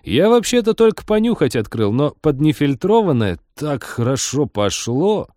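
A man's voice: fairly high pitch, sing-song, moderate pace, no room sound, studio quality, pitched above the performer's own voice. A man doing a brash, tipsy young pilot. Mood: boastful. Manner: slangy, boastful, loud. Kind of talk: audiobook character voice.

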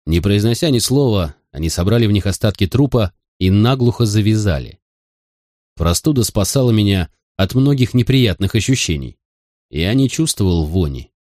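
A man's voice: on the low side, animated, moderate pace, a little mellow, dry recording, clean studio sound. A man narrating a first-person detective story in an audiobook reading.

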